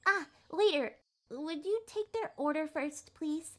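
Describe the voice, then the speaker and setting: Here a woman performs a one-sided ASMR date as a primly formal, easily flustered young adult kitsune with an adorkable streak. Her high voice moves at a measured pace, with wordy, proper phrases and flustered hesitations as she works to sound mature, and she seems awkwardly polite.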